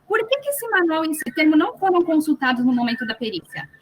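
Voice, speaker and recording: A woman's voice: sits high, very animated, fast talker, background noise. A woman lawyer questioning an expert witness in a formal, persistent manner over a video call.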